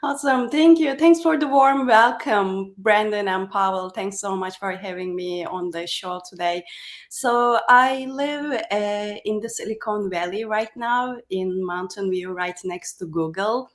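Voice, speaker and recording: A woman's voice: mid-range voice, measured pace. Woman guest from Turkey, thirties, articulate conversational coach. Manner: articulate, uses "like" as filler. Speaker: guest, high performance coach. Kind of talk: casual podcast conversation.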